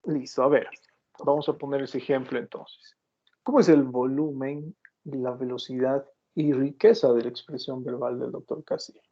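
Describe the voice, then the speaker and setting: Gravelly lecturing man, dull call audio. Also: mid-range voice, steady tone, moderate pace. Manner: probing, repeats questions, tells anecdotes. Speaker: medical lecturer. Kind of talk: online class discussion.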